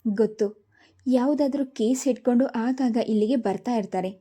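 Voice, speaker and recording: A woman's voice: on the high side, normal speed, slightly rough. A woman reading the lines of a cheerful, frank young woman doctor in a storybook. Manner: warm, direct.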